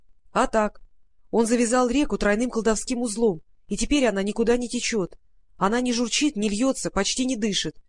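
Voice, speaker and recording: A woman reading an audiobook, voicing a calm, earnest male fairy-tale friend who explains a worrying trouble. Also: on the high side, a little fast, close to an everyday voice.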